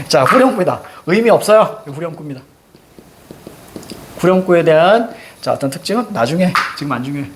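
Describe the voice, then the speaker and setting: A male literature teacher giving a lecture to students, animated and joking, with sudden loud outbursts. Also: fairly high pitch, normal speed, noisy background.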